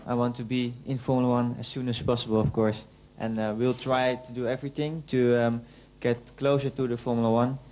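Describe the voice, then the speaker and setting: A man's voice: mid-range voice, level tone, a little fast, a little mellow, low-quality recording. A young man, a racing driver, answering interview questions hesitantly with ums.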